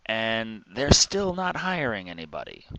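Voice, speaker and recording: An exhausted man rambling casually in an exasperated, complaining rant, with halting pauses. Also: fairly low pitch, huge pitch swings, heavy background noise. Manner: exhausted, weary, with heavy sighs and halting pauses. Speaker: vlogger.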